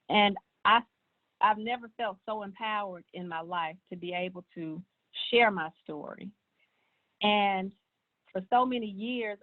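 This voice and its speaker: A woman, earnestly sharing her personal health story in casual talk. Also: medium pitch. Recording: tinny, phone-like sound.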